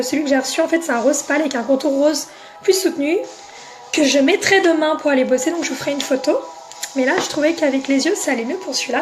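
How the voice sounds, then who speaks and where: Chatty high-voiced French woman selling makeup. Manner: chatty, talks straight to viewers by name. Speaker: makeup seller on a live stream. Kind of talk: casual live selling chat, answering comments.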